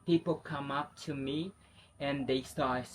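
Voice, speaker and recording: Speaking English with a Brazilian accent, a man from Brazil whose first language is Portuguese chats as a guest in a casual interview, full of fillers and restarts. His mid-range voice is steady and unhurried. The audio is poor, with a little hiss or hum.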